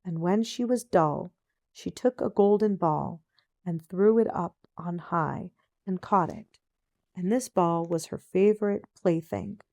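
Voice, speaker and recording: A woman narrating a fairy tale in a gentle storybook-opening manner, with measured, unhurried phrasing. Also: fairly low pitch, creaky, no room sound, studio quality.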